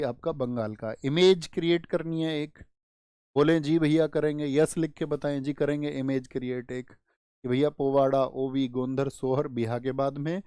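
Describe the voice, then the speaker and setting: A man's voice: a little high, dark tone, dry recording. Dry-voiced male teacher quizzing students. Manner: quizzes students with memory tricks and little stories. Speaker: exam coaching teacher. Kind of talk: online exam-prep lesson.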